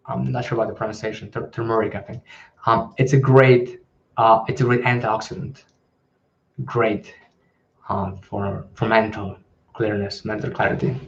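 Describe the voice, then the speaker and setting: A man's voice: on the low side, level tone, moderate pace, vocal fry. A man hosting a live question-and-answer stream, answering in a hesitant way with many ums and restarts. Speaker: channel host. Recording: dull lo-fi livestream audio.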